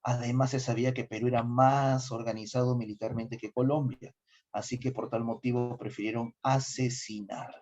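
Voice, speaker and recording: A middle-aged man with a Peruvian accent giving a lively history lecture, quizzing his students as he goes. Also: mid-range voice. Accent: Peruvian Spanish. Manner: asks students questions, animated. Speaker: history teacher. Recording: slightly dull lo-fi recording.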